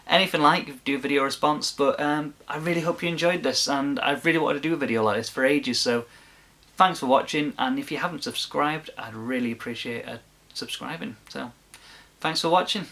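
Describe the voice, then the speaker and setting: A man's voice: on the high side, a bit bright. A man hosting his own video, talking casually and gushing with enthusiasm in a rambling way. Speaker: video host. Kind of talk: casual chat to camera.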